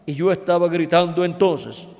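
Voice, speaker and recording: A male preacher retelling a dream account in a sermon, halting and correcting himself as he goes. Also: on the high side, fairly even intonation, a little mellow. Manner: halting, with restarts and self-corrections. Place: church hall. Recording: long reverb of a large hall.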